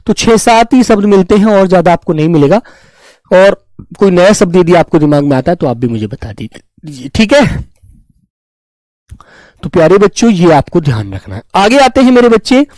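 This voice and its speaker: A man with a high voice teaches grammar to an online class, repeating each term slowly and calling his students dear children. He stops to answer viewers' comments. The sound is dry and close. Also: sing-song, darkish tone, dry recording, poor audio. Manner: addresses students fondly as children, repeats terms.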